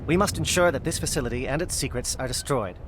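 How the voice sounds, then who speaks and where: A man's voice: medium pitch, fast, noisy background, natural voice. A man playing a disciplined alien captain in a video game, speaking in a clipped, formal, urgent way. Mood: grave, urgent. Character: brisk, disciplined male alien military captain. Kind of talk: dramatic video game acting.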